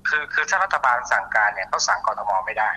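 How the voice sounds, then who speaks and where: A man's voice: fairly low pitch, very animated, fast, pushed and bright, a little hiss or hum. A man calling in as a community organization chairman, explaining at length with fillers, over a phone line. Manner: explanatory, many fillers and restarts. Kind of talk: explaining on a call-in interview.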